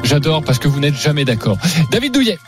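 A man hosting a sports talk radio show in a studio, lively and self-mocking. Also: fairly high pitch, fairly quick, music in the background.

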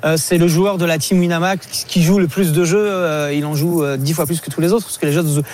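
A man with a Southern French accent chats about poker fast and eagerly, piling up fillers and restarts. His voice sits high for a man, and a faint ambient hiss runs under it. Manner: fast, excited storytelling with many fillers. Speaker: poker tournament commentator calling in. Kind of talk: lively casual chat.

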